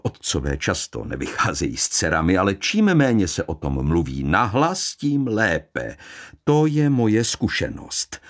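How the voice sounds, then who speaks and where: Man playing a prim secretary, calm, low, quiet, restrained. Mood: placating.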